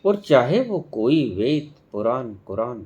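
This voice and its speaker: A man giving a devotional discourse as a spiritual teacher, speaking in a measured way with long pauses and emphatic stresses. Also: medium pitch, sing-song, darkish tone, muffled recording.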